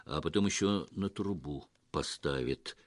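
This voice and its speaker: A man voicing a gruff, grumbling village man with a hoarse voice in an audiobook story. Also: extremely low pitch, measured pace, no room sound, clean studio sound, pitched below the performer's own voice. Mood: grim. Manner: grumbling, stern.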